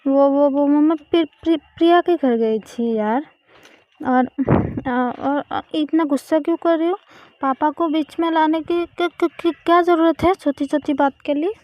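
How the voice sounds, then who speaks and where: A woman's voice: sits high, unhurried, muffled recording, pitched above the performer's own voice. A woman voicing a playful young woman who pleads and sweet-talks her mother. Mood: flustered. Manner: wheedling, pleading, sweet-talking.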